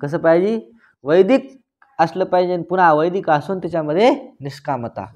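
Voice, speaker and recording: A man teaching a religious scripture discourse, posing questions to his listeners and answering them himself, and slowly reciting Sanskrit passages. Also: high voice, darkish tone. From Maharashtra. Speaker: Vedanta teacher. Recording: dull lo-fi recording.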